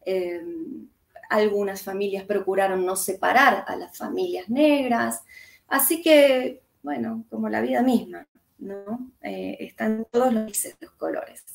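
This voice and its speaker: Speaking a little slowly in a gravelly, mid-range voice, the woman sounds reverberant. She's an Argentine-accented historian and author giving a thoughtful interview, pausing and hesitating as she works through her ideas.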